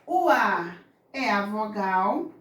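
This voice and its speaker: Slow, patient Brazilian woman teacher. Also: medium pitch, lively intonation, fairly bright tone. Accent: Brazilian Portuguese. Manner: slow, patient explaining, voices children's questions. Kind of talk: children's grammar lesson. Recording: echoey room, mic far off.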